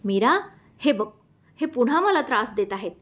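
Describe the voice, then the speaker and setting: A woman's voice: fairly high pitch, big pitch swings, normal speed, a bit bright. A woman reading a story aloud, voicing a stubborn, childlike young man who sulks and complains. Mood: sulky. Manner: sulky and complaining. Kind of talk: audiobook character voice.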